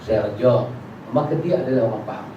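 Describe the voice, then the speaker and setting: A man giving a religious lesson in a prayer hall and answering questions, acting out little dialogues in a casual, lively way. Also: mid-range voice, fairly quick. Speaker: religious teacher. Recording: echoey hall, distant mic, dull, noisy.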